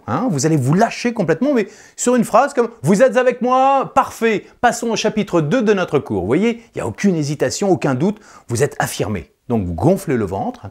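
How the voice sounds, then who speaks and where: A man leading vocal coaching exercises, encouraging the viewer directly and swinging between loud declarations and soft, confidential tones. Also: a little high, husky. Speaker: speaking coach.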